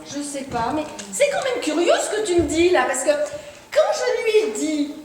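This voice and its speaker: A woman's voice: sits high, big pitch swings, moderate pace, a little mellow, slight background noise. A woman on stage playing a brazen, scheming mistress who talks in a blunt, teasing way. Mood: smug. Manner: teasing, brash, matter-of-fact. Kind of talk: live stage comedy acting. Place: theatre stage in a hall. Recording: very echoey live hall recording.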